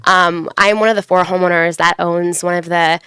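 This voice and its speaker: A woman with a cold, sounding stuffy, giving an earnest, fast public comment at a city council meeting. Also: lowish voice, fairly even intonation, pushed and bright, smooth, no echo. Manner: earnest, quick, organized with many restarts.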